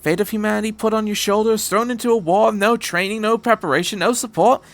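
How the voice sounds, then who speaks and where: A man reading fan fiction aloud as an energetic, eccentric, reassuring time traveller who makes earnest, emphatic speeches. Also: high-pitched, pitched above the performer's own voice. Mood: impassioned, insistent. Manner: emphatic, rapid repeated words, earnest speechifying.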